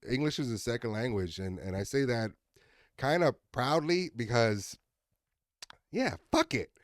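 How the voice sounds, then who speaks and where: A man who is a comedian guest on a podcast, from Miami, chatting casually in a joking, profane, animated way. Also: medium pitch, normal speed, dry recording, studio quality.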